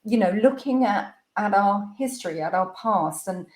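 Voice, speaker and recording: A woman hosting a relaxed interview, encouraging her guest and laughing along easily. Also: mid-range voice, normal speed. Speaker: host. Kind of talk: casual interview chat. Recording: echoey room.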